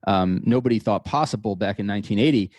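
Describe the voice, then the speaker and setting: Thoughtful man in his thirties, low voice. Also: fast, darkish tone, dry recording. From United States. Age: 30s. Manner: thoughtful, repeats words as he thinks. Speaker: podcast guest. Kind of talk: casual interview conversation.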